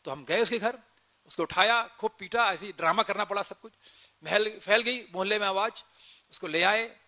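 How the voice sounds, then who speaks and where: A man's voice: sits high, moderate pace. A former army officer telling a story from his service, acting out the dialogue as he goes. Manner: acts out dialogue in lively retelling. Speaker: army officer sharing experience. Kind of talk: storytelling talk.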